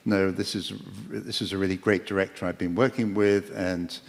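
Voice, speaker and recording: A man interviewing on stage, asking long, measured questions with fillers. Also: sits low, steady tone, vocal fry. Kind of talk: onstage interview. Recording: echoey hall.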